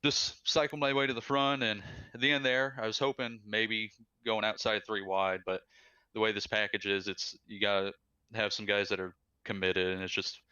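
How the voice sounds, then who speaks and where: A man, a race driver, giving a relaxed post-race interview over voice chat. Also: lowish voice, moderate pace, smooth, dull audio.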